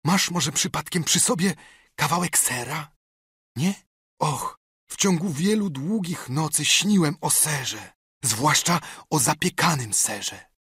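Guy putting on a crazed marooned castaway, high and loud, pleading and jumpy, voice leaping all over the place. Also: slow, breathy edge, no room sound, clean studio sound, exaggerated voice. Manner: excitable, pleading, repeats himself. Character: half-mad marooned male castaway, eager and wheedling.

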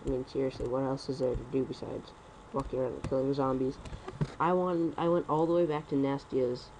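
A young man rambling through casual gameplay commentary at home on a computer mic, talking fast and correcting himself. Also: medium pitch, steady tone, darkish tone, a little hiss or hum, poor audio. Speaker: gaming commentator.

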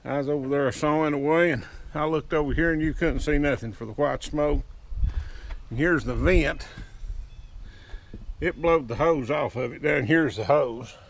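A man's voice: on the high side, moderate pace, gravelly. A man, giving a casual walkaround tour of his sawmill yard outdoors, talking in folksy dialect into a head-mounted camera. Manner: folksy rural dialect with double negatives. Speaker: sawmill owner. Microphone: head-mounted action camera.

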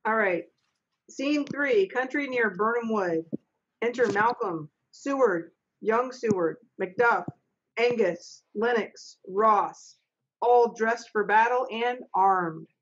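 Taking things slowly in a slightly high voice, a middle-aged stage manager reads out stage directions and informally gives readers straightforward instructions. Her computer microphone picks up slight background noise on a video call from a small home office, with dull, lo-fi sound.

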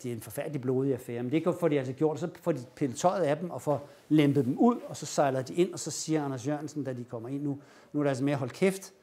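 A man giving a lecture, telling a story with animated retelling and acting out the quoted lines. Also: mid-range voice. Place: lecture room.

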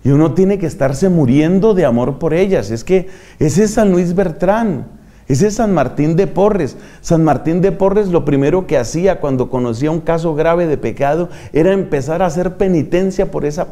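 An older man, a friar preaching a sermon in an animated, dramatic way that acts out examples. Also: on the high side. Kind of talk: sermon to religious.

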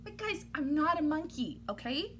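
Very animated and high-pitched at a moderate pace, a thirtysomething woman performs a children's picture book as a teacher might, exaggerated, theatrical, and playfully exasperated. The home recording, made in a small indoor room, carries noticeable background noise.

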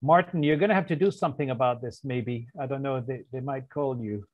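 A man's voice: mid-range voice, brisk. Playful man on a tinny line. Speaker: host of an online quiz social. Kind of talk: casual video-call chat, reading quiz options. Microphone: video call.

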